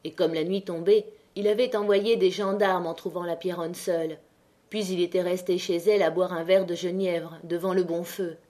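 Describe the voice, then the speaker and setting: A woman narrating a classic novel as an audiobook reader, with a measured, even delivery. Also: lowish voice.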